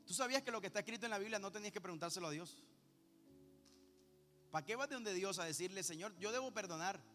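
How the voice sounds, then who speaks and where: A man's voice: high voice, quick pace, pushed and bright. A man, preaching a sermon in a conversational, teasing way full of punchy rhetorical questions. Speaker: pastor. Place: large church auditorium. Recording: echoey church hall with faint music.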